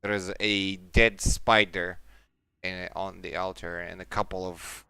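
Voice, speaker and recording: A man narrating a tabletop game as game master, slow and deliberate, with halting fillers. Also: low voice, little pitch movement, gravelly, sharp tone, clean tone, no echo.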